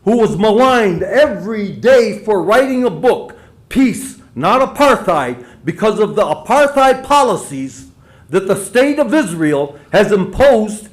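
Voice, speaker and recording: Rambling older man, high voice. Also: very animated, unhurried. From Dearborn, Michigan. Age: 70s. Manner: rambling, insistent, repeats "and so forth". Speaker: public commenter. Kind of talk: public comment at a council meeting.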